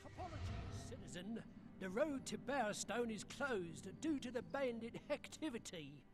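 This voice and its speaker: A man's voice: very high voice, big pitch swings, moderate pace, over music. An actor playing a stiff, officious male road guard in a video game, with a formal, clipped manner. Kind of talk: video game character dialogue.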